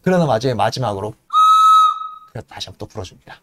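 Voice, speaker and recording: A man retelling a play in animated storytelling style, laughing often. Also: on the low side, fast, background noise. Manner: laughs often, lively, acts out characters. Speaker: podcast host retelling a play.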